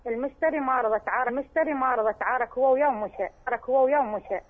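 Rapid-fire and high-voiced, a woman phones in with questions for a religious scholar. Her tone is earnest and pleading, she keeps calling him sheikh, and the line sounds tinny.

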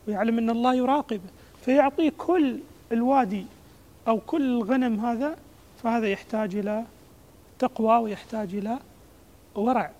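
A woman giving a religious lesson, retelling an old story, acting out the characters' words and explaining them in dialect. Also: fairly high pitch. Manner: lively, acts out the characters' speech and explains in dialect. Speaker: religious teacher.

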